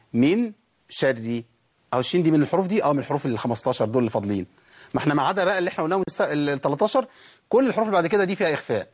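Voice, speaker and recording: A middle-aged man with an Egyptian Arabic accent teaching a recitation lesson, asking himself quick questions and then chanting slow, drawn-out examples. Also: on the high side, husky. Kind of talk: Egyptian colloquial tajweed lesson.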